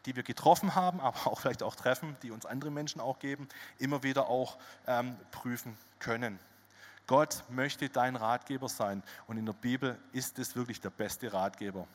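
A male pastor preaching a sermon in a church hall, with lively storytelling and relaxed, casual asides. His voice sits at an ordinary middle pitch, and a long hall reverb trails after his words.

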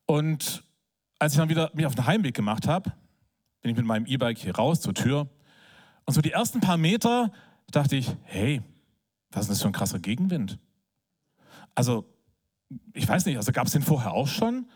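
Man preaching a casual, animated sermon. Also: fairly high pitch, normal speed, long pauses, husky. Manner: conversational, animated storytelling with filler words; soft, hushed prayer. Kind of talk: sermon with personal story and prayer.

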